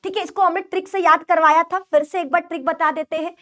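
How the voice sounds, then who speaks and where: A young woman teaching biology online in Hindi with an eastern UP-Bihar lilt. Her voice sits very high. She repeats each point and quizzes her students as she goes. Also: fairly even intonation, quick pace, pushed and bright. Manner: repetitive, call-and-response teaching with mnemonic jokes. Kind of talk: online class lecture.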